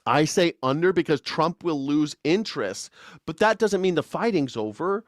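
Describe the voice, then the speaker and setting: A man's voice: on the high side, expressive, normal speed, dry recording. Man, 40s, live stream host, sarcastic and profane, loose rambling delivery, dry close sound. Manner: sarcastic, profane and rambling, reads chat comments aloud. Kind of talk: casual political comedy rant.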